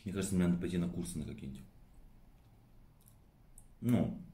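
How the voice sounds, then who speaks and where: A man's voice: sits low, fairly quick. A young man chatting casually to camera while eating, his mouth full of pasta. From Russia. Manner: relaxed, rambling, talking while eating. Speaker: vlogger. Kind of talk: casual mukbang chat to camera. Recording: echoey room, faint background noise.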